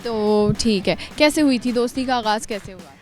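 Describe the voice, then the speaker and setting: A woman's voice: fairly high pitch, moderate pace, a little mellow, faint music behind. A woman hosting a street interview, asking students friendly, teasing questions. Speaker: street interviewer and show host. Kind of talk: casual on-camera interview.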